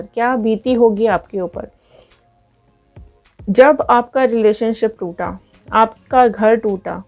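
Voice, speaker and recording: A woman's voice: fairly high pitch, darkish tone. A woman giving a tarot card reading, talking straight to her viewers in an earnest, repetitive way. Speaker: tarot reader.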